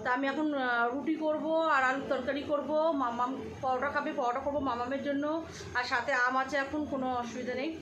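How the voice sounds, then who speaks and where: Woman vlogger, West Bengal accent, high voice, casual and talkative, noisy handheld home sound. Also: fairly even intonation, fairly quick, reverberant, highs cut off. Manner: chatty, addresses viewers directly. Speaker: family vlogger, mother. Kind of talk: casual home vlog narration.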